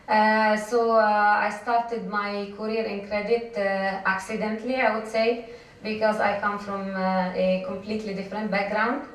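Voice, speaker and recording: A woman's voice: medium pitch, little pitch movement, moderate pace. A middle-aged woman from Lebanon speaking on a conference panel, hesitant and full of fillers, recorded in a hall. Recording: echoey hall, distant mic.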